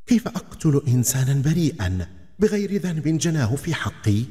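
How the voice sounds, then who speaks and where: A man's voice: on the high side, big pitch swings, brisk, dark tone, pitched above the performer's own voice. A man voicing a frightened young captive woman in a storybook tale, pleading in a raised voice. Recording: long reverb, faint background music.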